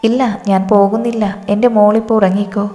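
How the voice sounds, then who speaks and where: A gentle motherly nun, voiced by a woman storyteller. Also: mid-range voice, level tone, quick pace, natural voice. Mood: soothing. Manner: soft, soothing, reassuring. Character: gentle motherly nun caring for a frightened girl. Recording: reverberant with background music.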